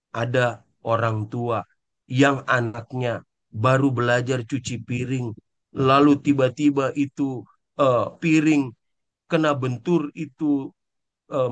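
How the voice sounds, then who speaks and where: A man preaching a sermon as pastor who often addresses the congregation directly and acts out scolding parents in quoted asides, going from low, soft passages to sudden shouts.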